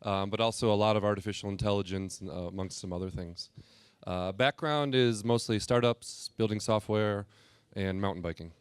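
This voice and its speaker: Research lab head: a man with a clear, lowish voice and a relaxed manner. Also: normal speed, dry recording. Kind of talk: panel self-introduction.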